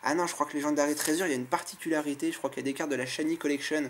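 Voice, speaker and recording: A man's voice: a little high, steady tone, racing, slight background noise. Male host, casual unboxing chat, eager and talkative, commenting card by card. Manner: chatty and enthusiastic, admiring each card aloud. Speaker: YouTube channel host.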